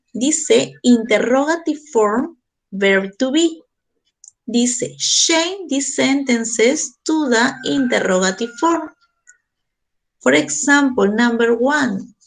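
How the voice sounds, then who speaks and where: A woman English teacher giving a classroom grammar lesson, walking through each step slowly and deliberately. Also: fairly high pitch, gravelly, low-quality recording.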